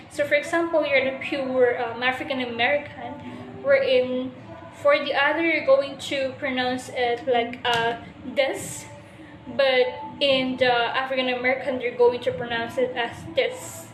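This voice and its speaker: A woman's voice: high-pitched, echoey room, a little hiss or hum, low-quality recording. A woman student giving a class presentation, explaining step by step with many hesitations and restarts.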